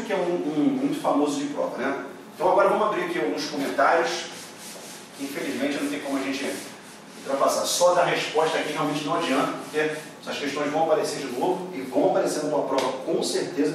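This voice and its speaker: A man's voice: on the high side, far from the mic, slight background noise. Brazilian male teacher in an echoey room. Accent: Brazilian Portuguese. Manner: patient, checks in with "beleza?" and "tá?". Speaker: Portuguese exam-prep teacher. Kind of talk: classroom lecture explaining grammar.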